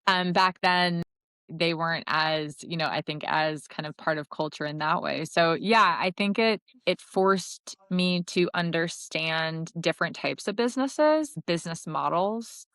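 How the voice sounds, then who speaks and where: As a guest on a podcast, a middle-aged marketing executive from Connecticut chats in a relaxed interview about her work history, pausing to reword her thoughts. Her voice is low, smooth and clear with a slight brightness, and she laughs lightly as she corrects herself thoughtfully. The audio is close-miked and dry, without any room sound.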